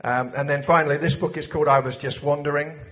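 A man preaching in church who speaks unhurriedly and pauses with fillers for his interpreter. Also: fairly high pitch, steady tone. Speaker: guest preacher. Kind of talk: sermon with interpreter. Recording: dull lo-fi sound.

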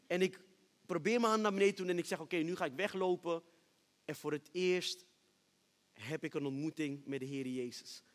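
A man preaching a sermon testimony on a church stage, moving from hushed storytelling to loud, shouted praise. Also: a little high, brisk. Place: church stage with reverberant hall. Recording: long hall reverb.

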